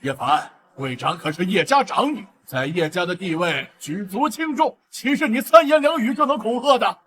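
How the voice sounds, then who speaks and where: An actor playing a fawning hanger-on who eagerly backs up the accusers. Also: male voice, sits high, animated, normal speed, a bit bright.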